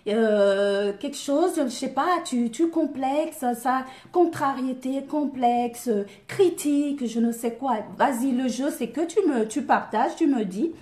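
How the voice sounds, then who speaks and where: Chatty high-voiced woman on a live stream. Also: slow pace, few pauses, darkish tone, roomy sound. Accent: African French. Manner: chatty, laughing, self-mocking, talks to viewers by name. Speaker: life coach hosting a live video. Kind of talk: casual live stream chat.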